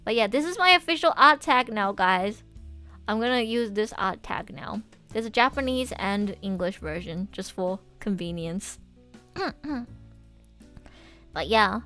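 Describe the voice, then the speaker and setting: A woman's voice: a little high, a bit bright. Chatty young woman streamer, music behind. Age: young adult. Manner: chatty, bubbly anime-fan slang. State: recovering from oral surgery, stitches in mouth. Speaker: livestreamer and voice actor. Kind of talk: casual livestream chat with viewers.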